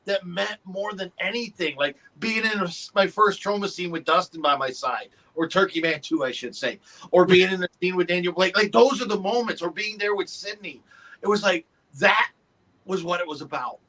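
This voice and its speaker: High-voiced man, bright and excited. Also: normal speed, poor audio. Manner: excited, swears freely. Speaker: actor guest. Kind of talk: casual chat.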